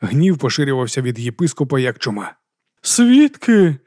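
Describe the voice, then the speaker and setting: A man reads a fantasy audiobook aloud at a measured, even pace. His voice sits in a middle register. The recording is dry and close. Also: medium pitch, no echo. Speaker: audiobook narrator. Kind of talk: audiobook narration.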